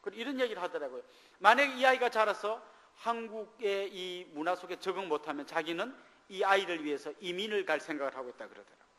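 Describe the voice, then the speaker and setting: A man's voice: high-pitched, lively intonation, fast, a bit bright. A middle-aged male pastor preaching a sermon, telling a personal story and acting out the dialogue in it. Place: church sanctuary. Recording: long reverb of a church hall.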